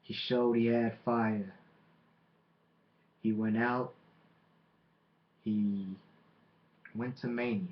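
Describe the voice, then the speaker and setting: A man delivering a boastful, taunting wrestling promo as a monologue, with deliberate dramatic pauses. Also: medium pitch, flat delivery. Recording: dull lo-fi microphone recording.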